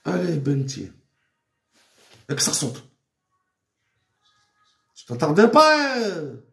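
Gravelly, lively talking man. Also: a little high, slow, reverberant. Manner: slangy, mixes in Arabic phrases, repeats words. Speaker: father addressing his daughter. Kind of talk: casual rambling monologue.

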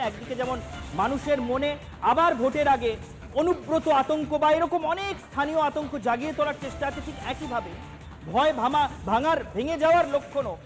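A man anchoring a news program, giving emphatic, measured commentary. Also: very high voice.

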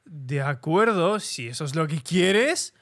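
Sinister sweet mother played by a man, high-pitched, syrupy, horror game, calls everyone dear. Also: lively intonation, takes it slowly, heavily acted. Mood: sweetly sinister. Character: sugary sinister mother of a creepy family, woman.

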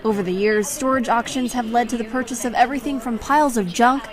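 A woman reporter reading a scripted news voice-over in a measured tone. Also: fairly high pitch, a crowd in the background.

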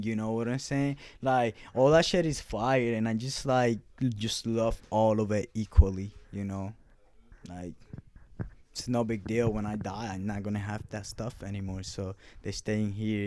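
A man's voice: on the low side, fairly even intonation, measured pace, darkish tone. Man, loose profane talk. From Puerto Rico. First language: Spanish. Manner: loose, profane street talk with many fillers. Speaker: clothing brand founder. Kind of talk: casual interview answers.

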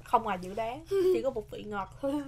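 A young woman with a fairly high voice and a Southern Vietnamese accent chats casually as a mukbang co-host. She is jokey and repeats herself, with some background noise and clicking behind her. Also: very animated, fairly quick, a little mellow. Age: young adult. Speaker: snack tasting show co-host. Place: small indoor set with curtained backdrop.

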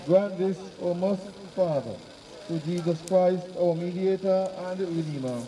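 A man's voice: sits high, moderate pace, warm tone. A man officiating as clergyman, reciting a solemn, formal graveside prayer outdoors. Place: outdoor cemetery on open grassy ground. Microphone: far camera behind the speaker. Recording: distant mic outdoors, gathered crowd noise.

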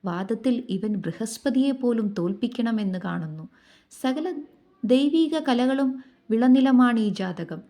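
A solemn elderly Brahmin astrologer, voiced by a woman telling the tale makes reverent pronouncements in a devotional story. The delivery is measured and blessing-like. The tone stays mellow and warm. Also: on the high side, lively intonation.

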